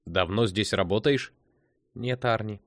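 A man doing a husky purring young secretary. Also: fairly low pitch, unhurried, fairly bright tone, no room sound.

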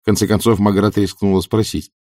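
A man reading a story aloud with an expressive, ironic delivery. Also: fairly low pitch, fast talker, dry recording, clean studio sound. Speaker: audiobook narrator. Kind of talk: scripted narration.

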